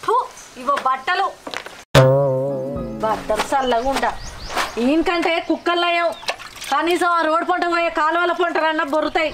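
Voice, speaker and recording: A woman's voice: extremely high pitch, quick pace. An actress with a Telangana accent playing a village wife who scolds her husband with earthy insults, in a comic short film. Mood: grumbling. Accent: Telangana Telugu. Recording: loud background music.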